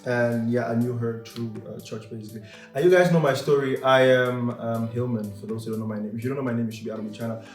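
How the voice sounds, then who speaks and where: A young Cameroonian man talks fast at a medium pitch while hosting his own channel, chatting casually and joking around. The vlog is recorded in an echoey room with music playing behind him.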